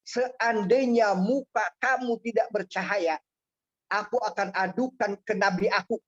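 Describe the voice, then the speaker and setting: A man voicing a humble, earnest village man from the mountains in a story told during a sermon, speaking slowly and pleadingly. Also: sits high, fairly even intonation, fairly bright tone, dull audio.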